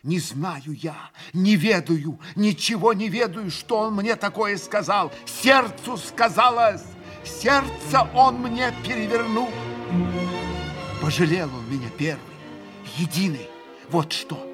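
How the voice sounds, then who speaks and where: A man's voice: sits high, animated, slow pace, music in the background, voice pushed up. A man reading an audiobook, voicing a proud, passionate young woman who swings into hysterical outbursts. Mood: anguished pleading. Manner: fierce, sobbing outbursts.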